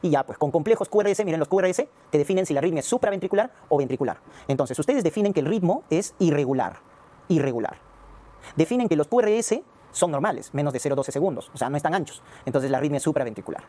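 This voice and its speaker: Fast-talking man lecturing on medicine. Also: a little high, expressive, mellow. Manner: fast, explanatory, asks rhetorical questions and checks in with students.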